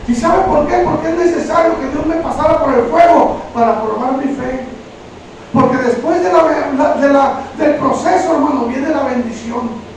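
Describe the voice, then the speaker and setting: A man's voice: extremely high pitch, moderate pace, darkish tone. A man preaching a sermon, calling listeners brother over and over as he retells Bible stories. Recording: very echoey room, from far off, faint noise.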